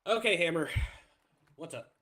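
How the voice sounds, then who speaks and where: A man performing as a boastful wrestling champion works the ring microphone. His voice is high for a man. He announces himself in a showy way and repeats phrases for effect. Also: animated, moderate pace, pushed and bright, a little hiss or hum.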